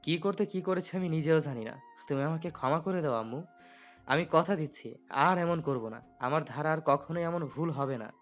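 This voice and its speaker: A man's voice: a little high, normal speed, muffled recording, soft background music, lightly acted. A man voicing a wayward grown son who pleads and begs his mother for forgiveness in an audio story. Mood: pleading. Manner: pleading, whining. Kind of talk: romantic audio story acting.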